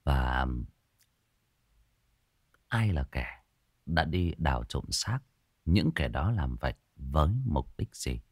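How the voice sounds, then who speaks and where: A man narrating a ghost story with dramatic, animated delivery, rising and falling to build suspense. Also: rumbling low, takes it slowly, long pauses, breathy edge, dry recording, clean studio sound.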